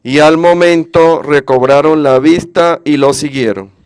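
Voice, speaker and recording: Slow, smooth-voiced man reading scripture. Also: fairly high pitch, a little mellow, dry recording. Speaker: scripture reader. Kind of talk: reading the Gospel aloud at Mass.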